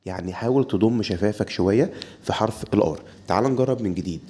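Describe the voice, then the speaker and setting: A man's voice: fairly low pitch, fast, mellow, slightly rough. A man with an Egyptian Arabic accent giving a short pronunciation lesson, correcting the listener and drilling sounds over and over. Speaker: English teacher.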